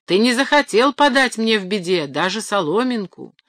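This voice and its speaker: A woman's voice: mid-range voice, sing-song, normal speed, fairly bright tone, no echo, clean studio sound, pitched above the performer's own voice. A woman voicing an angry, reproachful male fire spirit in a storybook reading. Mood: wrathful.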